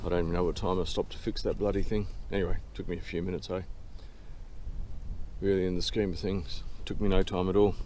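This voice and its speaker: A man's voice: deep voice, level tone, quick pace, darkish tone. Casting: man in his sixties, broad Kiwi accent, casual outdoor vlogger, dry and sweary, faint background noise. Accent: broad New Zealand. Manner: laid-back, dry humour, casual swearing. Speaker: solo bicycle touring vlogger. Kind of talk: casual rambling vlog. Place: outdoors in open bushland.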